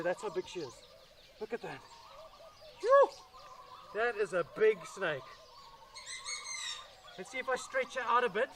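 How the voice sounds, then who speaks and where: A man's voice: high voice, noisy background. A man presenting a casual wildlife vlog outdoors at an animal sanctuary, chatty and enthusiastic as he handles a large snake.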